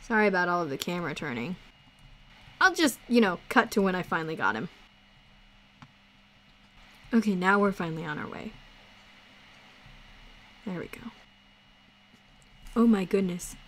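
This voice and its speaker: A woman streamer giving chatty, excitable commentary on a game she is playing. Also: fairly low pitch, normal speed, pauses often, a little hiss or hum. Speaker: gaming streamer.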